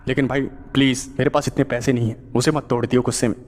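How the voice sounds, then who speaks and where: A man voicing a calm, practical young friend in a horror audio story, soothing his angry companion. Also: medium pitch, fast talker, in a large hall, lightly acted.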